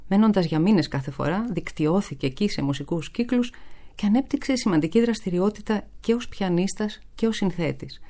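A woman's voice: mid-range voice, expressive, dark tone. A woman presenting a classical music radio program, explaining the music in an informative way with chatty asides.

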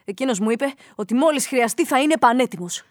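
An earnest young fugitive, voiced by a woman, speaks plainly in a somewhat high voice. A long hall reverb trails each word. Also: expressive. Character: young man Nikolas, hunted fugitive, loyal.

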